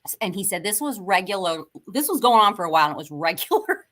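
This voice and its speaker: A woman's voice: medium pitch, very animated, fast, fairly bright tone. A woman co-host telling a story in a rambling, casual way, full of fillers and little laughs. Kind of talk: casual chat.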